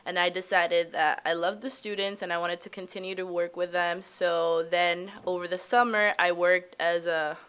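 A woman's voice: lowish voice, steady tone, moderate pace, hardly any pauses, a bit bright, smooth. A young woman from Massachusetts introducing herself at a podium, bubbly and informal. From Worcester, Massachusetts. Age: young adult. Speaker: recruitment coordinator. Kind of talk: panel self-introduction. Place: conference room. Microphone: podium microphone.

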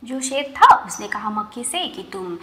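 A woman's voice: a little high, animated, moderate pace, bright, forceful tone, reverberant, a little hiss or hum. A woman teacher reading a story for young children aloud, then explaining each line again in simpler words.

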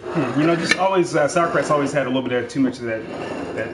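Joking guest taster heard from off-mic. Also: male voice, medium pitch, fast talker, recorded from a distance. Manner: relaxed, joking, easygoing. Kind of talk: casual chat. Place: home kitchen, indoors. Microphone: far camera. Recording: roomy kitchen from off-mic, noisy.

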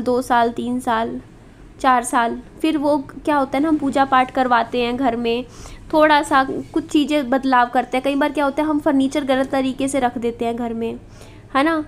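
A woman's voice: high voice, a little hiss or hum. A woman in her thirties filming a home vlog as she walks through a house indoors, talking confidingly to her viewers and putting rhetorical questions to them. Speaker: vlogger.

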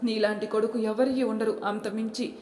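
A woman's voice: a little high, little pitch movement, moderate pace, a little mellow, natural voice. A woman reading the lines of a remorseful middle-aged mother-in-law who sobs as she begs forgiveness, in an echoey room. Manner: sobbing, begging forgiveness. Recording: echoey room with long reverb.

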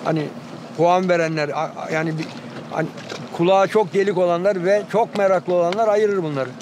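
Man, high pitch, animated bird-call imitator, clear outdoor and boat noise behind. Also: brisk. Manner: animated, rattles off birdsong imitations. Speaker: bird enthusiast. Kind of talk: documentary interview.

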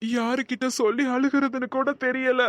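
A woman's voice: high voice, level tone, moderate pace, dry recording, close to an everyday voice. A woman voicing a hurt, resentful young husband in a storybook drama, talking plaintively to his mother. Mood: pleading. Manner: plaintive, sulking.

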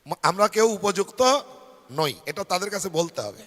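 The man preaching here has a high-pitched, animated voice at normal speed and a Bengali accent. His devotional sermon, set in a large hall at a devotional fair with long reverb, features rhetorical questions and phrases the crowd repeats back.

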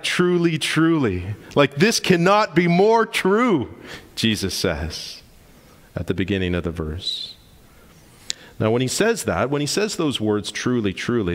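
Emphatic male preacher in a reverberant church. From Canada. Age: 40s. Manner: emphatic preaching, rising in pitch to stress points. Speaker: pastor. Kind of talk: sermon. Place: church sanctuary. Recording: long hall reverb in a church.

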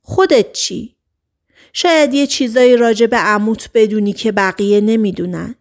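A woman's voice: fairly high pitch, lightly acted. Woman doing a worn-out journalist guy in an audiobook, pretty plain, no big voice. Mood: weary.

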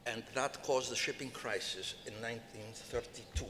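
Brief: older male panelist, bright tense tone, halting with fillers, reverberant conference hall. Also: mid-range voice. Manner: rambling, many fillers and restarts. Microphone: table microphone. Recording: reverberant hall, faint noise.

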